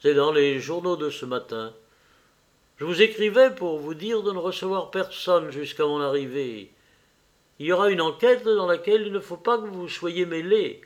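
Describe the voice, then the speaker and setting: A worldly, cynical aristocrat, read aloud by a man, speaking with a languid, ironic drawl. His voice sits a little high for a man and unhurried, every line savored. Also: creaky. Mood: grave. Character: witty worldly English aristocrat, urbane cynic. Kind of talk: audiobook character reading.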